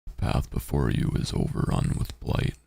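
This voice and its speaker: A man streaming a game, reading its story text aloud and adding halting, muttered casual commentary. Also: warm tone, no room sound. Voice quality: very deep, gravelly, husky.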